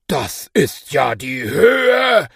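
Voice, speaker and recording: A man voicing a pompous, bossy male lion king who is cowardly underneath, with a gravelly, shouty voice. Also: high voice, expressive, slow pace, dry recording, clean studio sound, pitched above the performer's own voice, full character voice. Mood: indignant.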